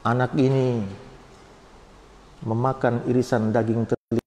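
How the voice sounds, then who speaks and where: A man preaching a storytelling sermon, animated and speaking straight to the congregation. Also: medium pitch, unhurried, slight background noise. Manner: animated, addresses the congregation directly. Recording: echoey hall.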